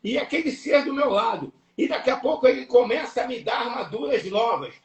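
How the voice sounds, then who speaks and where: A man with a Brazilian Portuguese accent preaching an impassioned sermon, emphatic and repetitive, breaking into shouts. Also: extremely high pitch, animated, brisk. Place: church or live stream hall. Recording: echoey room, voice from far off.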